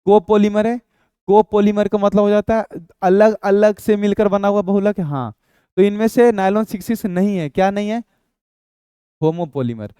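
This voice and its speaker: A man teaches chemistry in a coaxing, repetitive way, asking questions and answering them himself. His voice is a little high, mellow and smooth, and it sounds dry and close. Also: dry recording. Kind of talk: exam-prep lecture.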